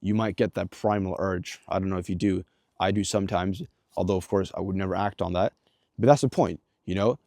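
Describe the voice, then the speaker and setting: In a low, creaky, darkish voice with fairly even intonation, the young vlogger talks a little fast, coaching the viewer in a casual, motivational way. Blunt and earnest, he swears heavily and stumbles through fillers like "like" and restarts. No room sound, studio quality.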